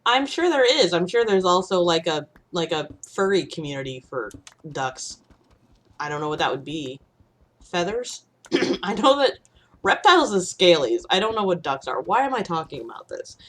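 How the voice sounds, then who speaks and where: A young Midwestern woman streams a game in casual chat, rambling, swearing freely and breaking into sudden panicked outbursts. Her voice sits fairly low, with a sing-song lilt, a slightly bright tone and a normal speed.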